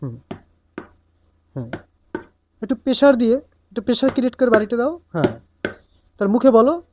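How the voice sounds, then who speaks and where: A woman's voice: fairly high pitch, very animated, a little fast, narrow, tinny audio, background noise. A woman teaching a beginner tabla, coaching and reciting the drum syllables in rhythm. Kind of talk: music lesson instruction.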